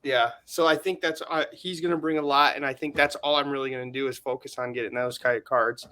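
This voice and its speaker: A man's voice: medium pitch, fairly even intonation, fast talker, sharp tone. A man co-hosting a podcast, talking in a laid-back way and laughing often. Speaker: podcast co-host. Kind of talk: casual chat.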